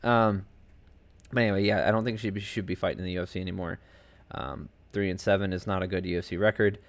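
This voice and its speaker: Man, deep low voice, solo podcast host, casual rambling fight talk, lots of fillers. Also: fairly even intonation, fast talker, vocal fry. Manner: rambling and chatty, heavy on fillers and asides. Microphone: home desk setup.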